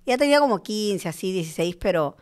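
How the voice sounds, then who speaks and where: A woman's voice: medium pitch, expressive, fast talker, darkish tone, clean tone. A woman, telling stories as a podcast guest, full of "o sea" and tag questions. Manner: chatty storyteller, lots of "o sea" and "¿no?". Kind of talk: casual interview chat.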